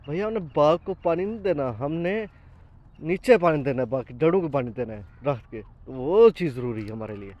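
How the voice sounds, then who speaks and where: A farm owner with a fairly high, slightly mellow voice sounds animated as he hosts a casual farm vlog in an orchard. He chats and points things out while explaining, captured in a dull lo-fi outdoor recording.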